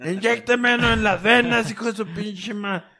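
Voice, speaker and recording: Mexican male podcast sidekick, high voice, crude interrupting humor. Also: fairly even intonation, normal speed, crowd noise. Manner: mocking, vulgar, interrupts with jokes. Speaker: podcast co-host. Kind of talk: casual podcast chat.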